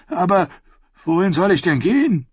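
A man's voice: high voice, sing-song, moderate pace, darkish tone, husky, no echo, dull audio, voice pushed up, heavily acted. A man voicing a drunken, cowardly knight who protests and pleads in an indignant, raised voice. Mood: pleading.

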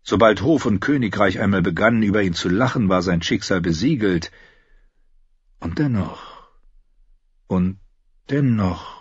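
Male fantasy audiobook narrator, husky, lively delivery, dry close read. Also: deep voice, no room sound, muffled recording. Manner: storytelling, dramatic, with character voices.

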